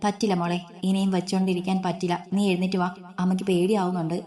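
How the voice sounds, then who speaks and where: A woman reading the part of a young mother, anxious and tender, coaxing softly and pleading. Her lines carry a tearful worry in this storybook reading. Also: lowish voice, little pitch movement, quick pace, close to an everyday voice.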